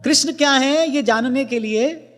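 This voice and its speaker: Male devotional preacher, very high voice, slow, explanatory; long hall reverb with faint music behind. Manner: earnest teaching, explains word emphasis with examples. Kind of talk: devotional discourse.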